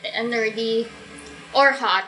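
Lisping young Filipino woman, high voice. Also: slow. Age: 20s. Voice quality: lisp from dental braces. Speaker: podcast co-host. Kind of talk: casual chat. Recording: roomy echo, loud music behind.

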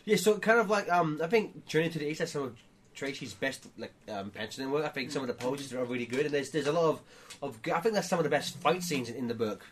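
A man's voice: mid-range voice, quick pace, a little hiss or hum. A man co-hosting a casual podcast chat, often stammering and restarting his sentences. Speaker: podcast co-host.

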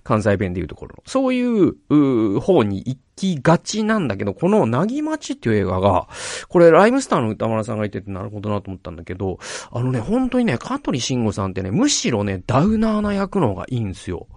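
Guy hosting a chatty podcast, super lively up and down voice, rambly, dry close sound. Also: medium pitch, fast, no room sound. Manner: animated, rambling, often restarts his sentences. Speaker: podcast host. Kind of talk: casual chat about film acting.

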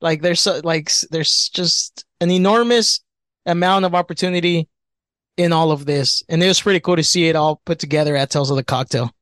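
A man's voice: fairly high pitch, brisk, fairly bright tone, no room sound. Rambling man, dry close sound. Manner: rambling, full of fillers. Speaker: bartender, guest. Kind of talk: casual podcast chat.

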